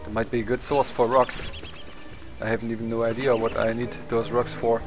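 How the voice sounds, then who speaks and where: Rambling and a little fast, a young man with a German accent casually narrates his own gameplay in English, which isn't his native language, swearing and laughing at himself along the way. His mid-range voice keeps a level tone over the game music of this let's play.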